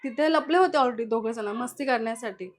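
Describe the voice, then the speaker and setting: Chatty woman telling a story, slightly high. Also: a little fast. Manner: chatty, retells events with lots of quoted dialogue. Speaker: guest sharing personal experiences. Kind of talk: casual spoken storytelling.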